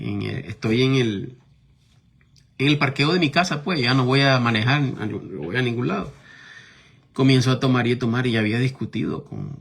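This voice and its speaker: A man's voice: mid-range voice, gravelly, a bit bright, breathy edge. A middle-aged man from Nicaragua with a Nicaraguan accent, preaching a sermon and telling a personal testimony in a conversational way, often checking in with his listeners. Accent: Nicaraguan Spanish. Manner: conversational, constantly checks in with tag questions.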